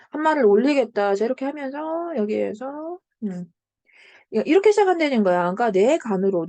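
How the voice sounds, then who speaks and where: A woman with a medium-pitched voice, recorded dry, tutors Korean literature by walking through exam answers in a chatty way. She checks in with her students using "right?" and "got it?" and retells story lines in a lively voice.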